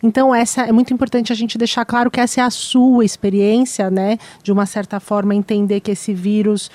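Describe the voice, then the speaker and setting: A woman, hosting a podcast interview in a thoughtful, measured way. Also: a little high, flat delivery, darkish tone, no echo.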